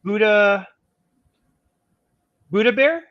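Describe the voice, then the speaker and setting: A man's voice: high voice, animated, very slow, no room sound. A man hosting a livestream with casual chat, heard through slightly muffled audio. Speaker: live show host.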